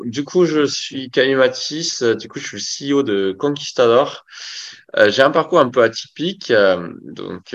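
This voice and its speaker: A man in his thirties, a company CEO, speaking as a podcast guest in a casual way with many fillers. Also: on the low side. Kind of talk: podcast interview. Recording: dull lo-fi sound.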